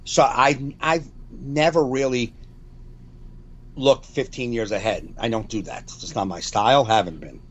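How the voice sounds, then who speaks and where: A man's voice: medium pitch, lo-fi sound. Rambling, swearing comedian in his forties. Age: 40s. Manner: rambling, repeats himself, swears freely. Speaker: comedian and podcast co-host. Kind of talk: casual chat.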